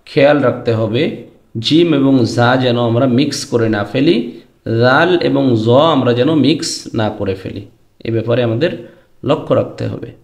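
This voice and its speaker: A man teaches Quran pronunciation in a slow, deliberate way, speaking directly to his students. His voice is gravelly, and he draws out each letter name in a chanted tone. The recording has a noticeable room echo. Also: medium pitch. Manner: drawn-out chanted letter names between explanations. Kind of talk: pronunciation lesson. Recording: echoey room.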